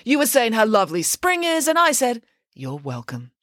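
A woman's voice: a little high, wildly swooping pitch, moderate pace, fairly bright tone, no room sound, studio quality, voice pushed up. A woman voicing a grand, vain, cake-loving female pig nanny who boasts in a theatrical way. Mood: grandly boastful.

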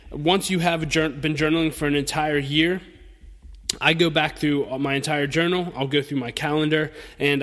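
In a large hall, a thirty-year-old man hosts a solo podcast with a medium-pitched, fairly bright voice. He talks informally and earnestly to listeners, offering an encouraging lesson in a conversational way.

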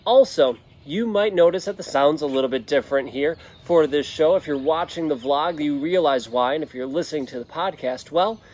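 A man's voice: fairly high pitch, normal speed, few pauses, a little mellow. A man hosting a motivational podcast in a casual, earnest, encouraging way, speaking outside in an open backyard. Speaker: host of a podcast and vlog show. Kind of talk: casual motivational talk to listeners. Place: outdoors in a backyard, open air. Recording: outdoor ambience with clear background noise. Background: birds, occasional traffic, some wind.

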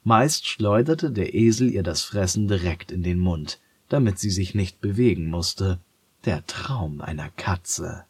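A man calmly reading a children's story aloud as the storyteller. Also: deep voice, slightly rough, no room sound. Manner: calm, unhurried reading. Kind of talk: scripted children's story narration.

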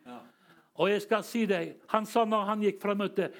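A man preaching a charismatic sermon, telling stories and bursting into shouted hallelujahs. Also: sits high. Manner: storytelling that swings up into shouted hallelujahs, chuckles.

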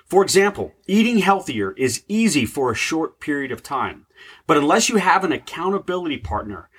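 A man, a pastor delivering a sermon in a raspy, hoarse voice from allergies, earnest and measured. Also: on the high side, very animated, a bit bright. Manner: earnest, measured preaching with prayer.

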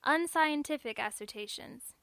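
A woman reading the part of a brisk female school registrar, stern yet wry, asking crisp, probing questions. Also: high-pitched, a bit bright, no room sound, voice pushed up.

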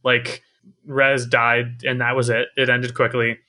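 A man's voice: mid-range voice, little pitch movement, measured pace, bright, forceful tone. A man talking casually and analytically about a video game as a podcast co-host.

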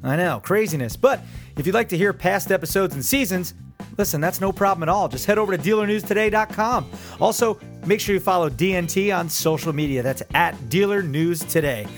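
Upbeat and chatty, a man hosts a business podcast and interviews a guest over a remote call, with plenty of friendly restarts. His high-sitting voice is expressive and brisk, and faint music plays in the background.

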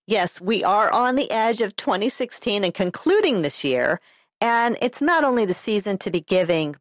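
A woman's voice: medium pitch, no echo. A woman with a congested voice hosting a podcast, chatting upbeat and directly to her listeners. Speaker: podcast host. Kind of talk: casual solo podcast talk.

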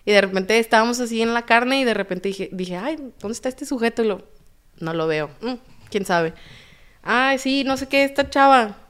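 A woman with a Mexican accent, a podcast guest telling her own story in a lively way and acting out the dialogue. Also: a little high, moderate pace, smooth. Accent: Mexican Spanish. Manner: animated, acts out quoted dialogue.

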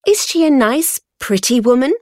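A woman voicing a cunning young woman who flatters and sighs theatrically to get her way. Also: sits high, normal speed, no echo, studio quality, pitched above the performer's own voice. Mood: wistful. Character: scheming, cunning young woman playing humble.

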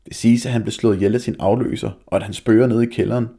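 A man reading aloud voices a loud, scornful schoolboy bully. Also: lowish voice, steady tone, vocal fry, husky. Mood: mocking. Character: mocking boy bully Malte.

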